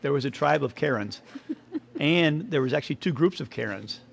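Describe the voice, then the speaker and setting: Gravelly man in rambling casual chat. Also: fairly high pitch, lively intonation, moderate pace. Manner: rambling, laughs often, trails off mid-sentence. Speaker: podcast co-host.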